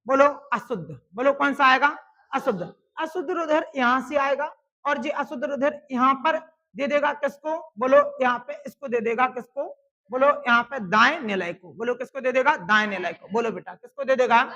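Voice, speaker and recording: A woman teaching a classroom science lesson. She drills the students with call-and-response questions and repeats the answers slowly and loudly for emphasis. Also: sits high, dull audio.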